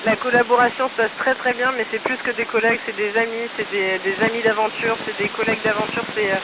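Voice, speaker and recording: A man's voice: high voice, level tone, fast talker. Man on a hissy radio link from space. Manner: patient explaining, closing each turn with radio protocol. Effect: noisy, narrow ham radio downlink from space. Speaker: astronaut answering students. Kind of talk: radio Q&A with a school. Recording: hissy phone-thin amateur radio link.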